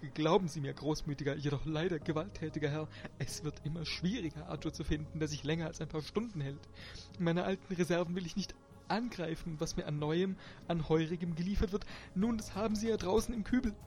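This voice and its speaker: A man's voice: mid-range voice, moderate pace, faint music behind, natural voice. A man voicing a small, frightened male shopkeeper who stammers and pleads in a servile way. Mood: pleading.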